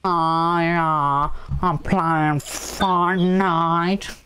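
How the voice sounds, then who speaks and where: Drunk young man, slurred rambling, very slow drawl, faint hiss behind. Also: on the high side, steady tone, bright, forceful tone. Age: 20s. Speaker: streamer. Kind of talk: casual chat while gaming.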